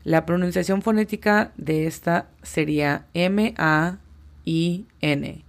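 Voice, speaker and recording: A woman's voice: lowish voice, slow. A woman teaching English on a podcast, patiently explaining step by step and spelling out pronunciations. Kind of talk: podcast language lesson.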